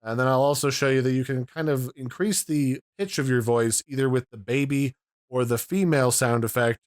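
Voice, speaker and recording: A man's voice: medium pitch, steady tone, fairly quick, dry recording, studio quality. Man explaining audio gear. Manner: explanatory, pointing out controls. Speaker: tech reviewer. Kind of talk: casual product demo. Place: home room.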